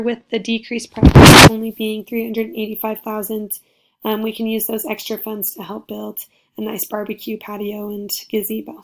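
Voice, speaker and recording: Young woman kinda losing her voice, raspy, upbeat school project talk, lots of ums. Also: a little high. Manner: upbeat, filler-heavy. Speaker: student presenter. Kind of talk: class project presentation.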